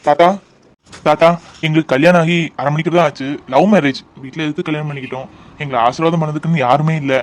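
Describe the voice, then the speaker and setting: Guy voicing a young husband in a cartoon, coaxing and pleading, slightly high voice. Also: fairly even intonation, fast, close to an everyday voice. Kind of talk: cartoon voice acting.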